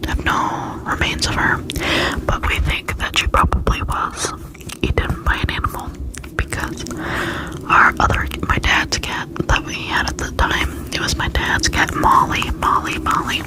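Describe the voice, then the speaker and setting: Female ASMR creator, fully whispered casual chat, tingly mouthy articulation, lingering repeated words. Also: rough recording. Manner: soft unvoiced whisper, repeating words slowly.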